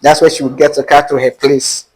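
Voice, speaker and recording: This interview guest's voice is on the high side with a breathy edge, and his pace is a little fast. Speaking with a Nigerian accent, he tells a dating story from his life with animation, acting out the lines of dialogue.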